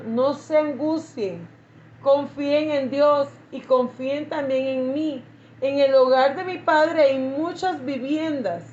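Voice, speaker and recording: A woman pastor teaching a Bible class, reading scripture slowly and repeating phrases for emphasis. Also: high voice, a little mellow. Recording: echoey, muffled lo-fi recording.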